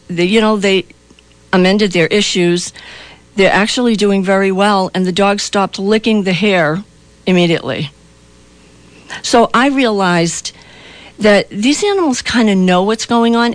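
A woman's voice: mid-range voice, moderate pace, no room sound. A woman guest on a radio show, an animal communicator telling an emotional story in an emphatic, earnest way.

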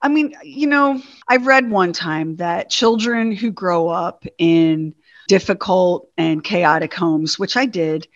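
Woman guest, casual chat, lively storyteller, dry close sound. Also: fairly low pitch, takes it slowly, dry recording, lo-fi sound. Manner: storytelling, animated and expressive.

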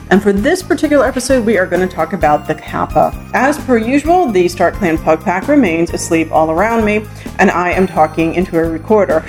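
A woman hosting a podcast, talking casually into a handheld voice recorder in a chatty, rambling way. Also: medium pitch. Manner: chatty, rambling, laughs now and then. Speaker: podcast host. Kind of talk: casual solo podcast talk.

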